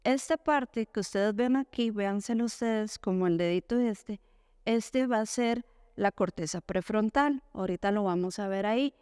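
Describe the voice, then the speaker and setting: A woman giving an educational talk to parents. She explains step by step, asks the audience questions and answers them herself, and acts out quoted parents and children in a higher voice. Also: normal speed, a little mellow, smooth, no echo, studio quality. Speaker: school talk speaker for parents.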